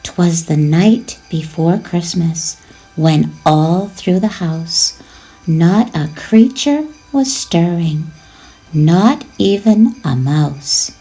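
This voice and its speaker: A woman reading a storybook poem aloud in an expressive, measured way with pauses between phrases. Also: on the low side, husky, low-quality recording. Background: music with jingle bells.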